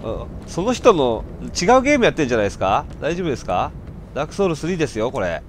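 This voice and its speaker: A man giving casual let's-play commentary, breaking from muttered asides into loud startled outbursts. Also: mid-range voice, sing-song, very fast, slight background noise.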